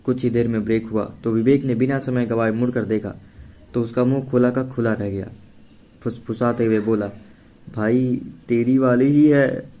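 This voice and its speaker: A man's voice: mid-range voice, fairly quick. A man giving a scripted story narration, telling a serialized romance and acting out every character himself. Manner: steady storytelling, acting out all voices.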